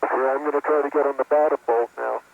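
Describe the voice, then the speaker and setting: A man's voice: medium pitch, steady tone, fast talker, gravelly. A man, an astronaut at work on a spacewalk, talking through tasks over astronaut radio. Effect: space-to-ground radio. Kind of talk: astronaut radio, working task talk. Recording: tinny noisy spacesuit radio link.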